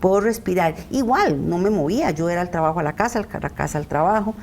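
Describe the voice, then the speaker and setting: A woman's voice: lowish voice, expressive, fast talker, a little mellow, slight background noise. Woman telling her story. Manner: earnest, recounting, often acting out quoted voices. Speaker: interview guest. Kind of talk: personal testimony in a podcast interview.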